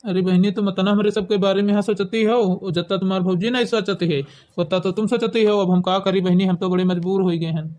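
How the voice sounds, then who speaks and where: A man's voice: sits high, steady tone, fast talker, darkish tone, close to an everyday voice. Man acting a henpecked brother with Awadhi accent. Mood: helpless. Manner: complaining, resigned. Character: henpecked, helpless village brother, loving and aggrieved husband. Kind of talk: village comedy skit.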